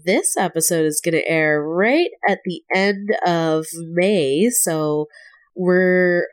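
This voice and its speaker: A woman's voice: lowish voice, slow. A woman with a cold, stuffed up, hosting a casual podcast interview in an upbeat, enthusiastic way. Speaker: podcast host.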